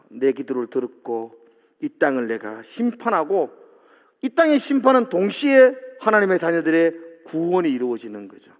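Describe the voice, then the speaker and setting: High-voiced pastor guy preaching, big swings in tone, church echo. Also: a little mellow. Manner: earnest, swelling emphasis, asks congregation for agreement. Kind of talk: sermon. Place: church sanctuary. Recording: long hall reverb.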